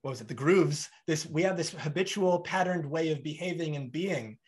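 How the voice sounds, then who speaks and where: This thirty-something man hosts a podcast via video call, running a conversational interview from a bright home room. Animated and broadly gesturing, he acts out both parts of short exchanges, speaking at a moderate pace in a slightly high voice.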